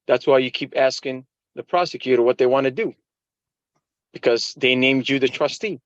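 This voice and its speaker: Insistent defendant on dull lo-fi audio. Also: male voice, mid-range voice, normal speed, no echo. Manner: insistent, repetitive, stumbling over words. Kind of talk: arguing in court.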